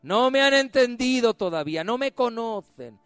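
A man's voice: extremely high pitch, animated, moderate pace, a bit bright, clean tone, dry recording, studio quality, soft background music, voice pushed up, exaggerated voice. A male preacher voicing God as a fond yet lamenting divine figure, exclaiming and sighing.

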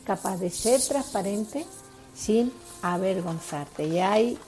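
A woman's voice: medium pitch, lively intonation, slow, a little mellow, soft background music. A woman with a Spain Spanish accent preaching a sermon on marriage, earnest and explanatory, often asking rhetorical questions.

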